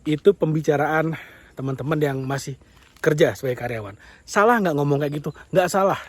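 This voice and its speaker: A young man gives a motivational monologue about business in a somewhat high voice. He talks emphatically and repeats his points, now and then acting out the complaints of others. The sound is close and dry, with no room around it. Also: fairly quick, slightly rough, dry recording. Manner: emphatic, repetitive, acts out quoted complaints.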